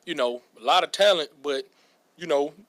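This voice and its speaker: A high school football coach joins a sports talk show as a guest, speaking in a slightly higher voice. He talks in a loose, conversational way, often pausing with filler phrases. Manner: relaxed, conversational, frequent "you know". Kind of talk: casual sports chat.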